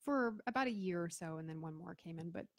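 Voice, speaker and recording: Gravelly-voiced Florida woman telling stories. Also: fairly low pitch, animated, fast talker, no echo, clean studio sound. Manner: chatty, acts out quoted voices. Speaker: guest, business owner and veteran. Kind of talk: casual storytelling interview.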